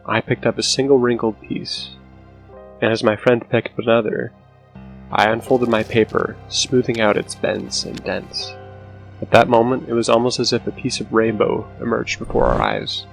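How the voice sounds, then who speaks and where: A man reading a scripted scary story as narrator, with a low, hushed, haunting delivery and a gravelly creak in his voice. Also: animated, moderate pace, low-quality recording. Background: music under the voice.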